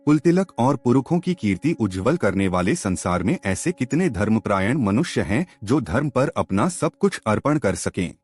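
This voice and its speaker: Over music, a man voices a wealthy landowner pandit in a story, a courteous, sincere and humble figure who speaks formally and pleads earnestly to persuade. His lowish, darkish voice swings widely in pitch at a moderate pace with hardly any pauses, and the recording is slightly rough.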